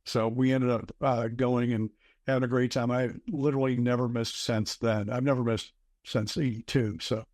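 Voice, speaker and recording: A guest on a casual interview, an author and game designer in his fifties from southern Wisconsin, USA, tells long rambling stories full of fillers. His mid-range voice is flat and darkish, at a moderate pace, recorded with studio quality and no room sound.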